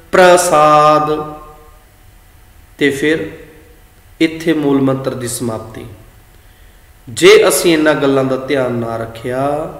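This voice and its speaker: A man with a Punjabi accent teaches scripture pronunciation, stretching each word slowly and chanting verses in a sung tone. His voice sits a little high for a man. The room is echoey, with a long reverb trailing behind every line. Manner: slow, deliberate, draws out words to show pronunciation. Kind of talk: slow religious teaching talk.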